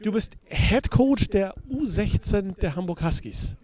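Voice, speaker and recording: A man hosts a relaxed interview in a notably high voice. He sounds eager and friendly, often stalling with filler sounds before his questions. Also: unhurried. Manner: enthusiastic, hesitant with many fillers. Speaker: podcast host, interviewer. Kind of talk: casual interview.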